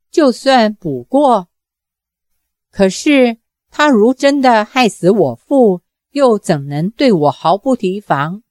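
A woman narrating a martial arts novel in a measured, even manner. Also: mid-range voice, no echo, clean studio sound. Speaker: audiobook narrator.

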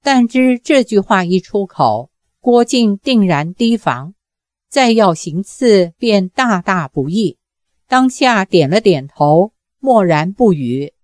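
Slow, measured woman narrator. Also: medium pitch, expressive, a little mellow, no echo, clean studio sound. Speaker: audiobook narrator. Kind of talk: scripted novel narration.

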